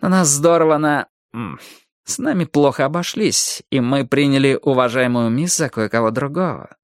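A man's voice: medium pitch, clear, resonant tone, no room sound, studio quality, lightly acted. A man doing a polite young man with a Russian accent. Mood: calm. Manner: slow, polite, measured.

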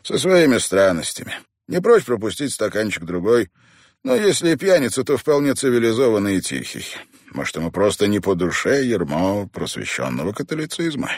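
Grumbling older teacher, wry and grumpy, read by a man; low, lively delivery. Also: a little fast, no room sound, studio quality, exaggerated voice. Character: older male teacher, grumpy hospital patient.

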